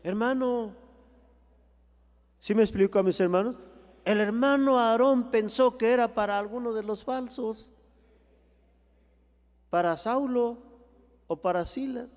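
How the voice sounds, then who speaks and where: A man preaching a sermon, addressing the congregation as brothers, with rhetorical questions and drawn-out phrases that swell louder at the peaks. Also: very high-pitched, long reverb tail. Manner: preaching with repeated calls of "hermano" and rhetorical questions.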